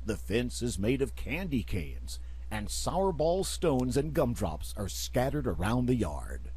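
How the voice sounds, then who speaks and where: A man's voice: mid-range voice, sing-song, unhurried, warm tone, husky. A man narrating a computer game in a dry, wry storytelling manner. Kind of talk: scripted narration.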